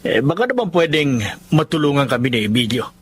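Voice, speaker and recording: A man's voice: fairly high pitch, sing-song, fairly quick. Guy doing a broke guy asking for help, stammery and unsure, radio drama. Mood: hesitant. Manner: hesitant, stammering. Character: struggling working-class man asking for help.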